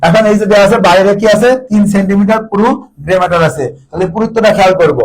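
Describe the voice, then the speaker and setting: A man's voice: high-pitched, very fast, poor audio. A man tutoring biology for exam preparation, repeating each term and quizzing his students on it. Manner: drills terms by repeating them and quizzing students. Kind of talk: exam-prep lecture.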